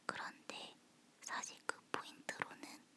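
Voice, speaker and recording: Woman, close leaned-in whisper, ASMR chat, very slow pace, soft delivery. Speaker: ASMR host.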